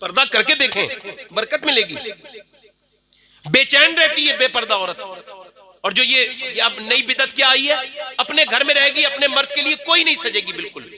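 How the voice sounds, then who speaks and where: A man, an Islamic preacher, delivering an impassioned sermon that swings from quiet storytelling to shouted exhortation, recorded live at a gathering. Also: extremely high pitch, expressive, moderate pace, long pauses. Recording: live gathering with audible crowd.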